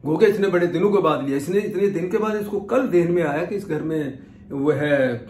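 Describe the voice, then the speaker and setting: A man's voice: fairly high pitch, fairly quick, darkish tone. A middle-aged man telling a casual vlog story, chatty and digressive, often restarting his sentences. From Pakistan. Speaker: vlogger. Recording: echoey room.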